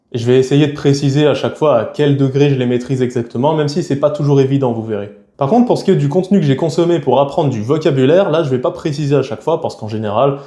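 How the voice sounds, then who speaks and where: A man's voice: medium pitch, warm tone, echoey room. A young man from France talking frankly and casually to camera in a vlog, with a chatty, slangy way of speaking. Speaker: YouTuber.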